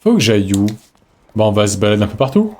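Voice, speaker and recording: A man's voice: lowish voice, very animated, fast, a little mellow. A man streaming a horror game live, chatting casually with slang and talking to himself and his viewers as he plays. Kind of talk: live let's-play commentary.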